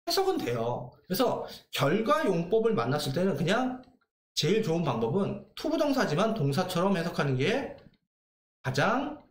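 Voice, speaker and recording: Lively high-pitched man teaching grammar. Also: echoey room. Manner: lively, asks and answers his own questions. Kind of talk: lively lecture.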